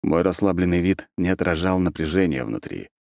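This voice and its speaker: A man narrating an audiobook in first person with an expressive, animated reading. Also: low-pitched, a little fast, creaky, no echo, studio quality.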